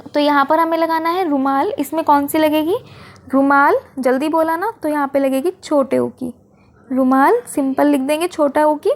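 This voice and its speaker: A woman with a high voice teaches children through a worksheet. She is patient, asks questions and answers them herself, and draws out each sample word with care. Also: steady tone, darkish tone. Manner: drawn-out, careful pronunciation of sample words. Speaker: school teacher. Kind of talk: online worksheet lesson for children.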